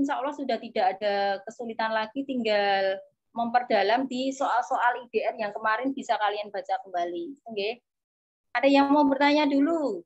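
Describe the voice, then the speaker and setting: A woman teacher with a Javanese accent, patiently coaxing students through an exam-prep class and tagging her sentences with a soft "nggih". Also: sits high, lo-fi sound.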